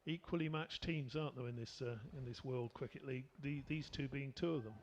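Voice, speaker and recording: A man's voice: medium pitch, a little fast, highs cut off. A man doing live cricket commentary, chatty and rambling with lots of fillers, from a commentary position at the ground.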